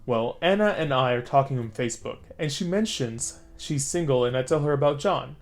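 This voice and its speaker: Relaxed male story narrator. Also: mid-range voice, brisk, soft background music. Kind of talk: reading an online story aloud.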